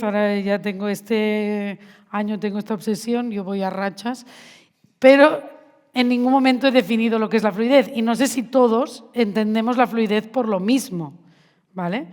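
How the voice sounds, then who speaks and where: A woman's voice: on the high side, normal speed, a little mellow. A woman giving a conversational conference talk to teachers, often asking the audience questions. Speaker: math education speaker. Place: large hall with audience. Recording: reverberant hall.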